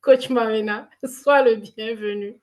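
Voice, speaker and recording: Female host for an online coaching live, slow-paced, filler-heavy. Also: fairly high pitch, fairly even intonation. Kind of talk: hosting an online live session.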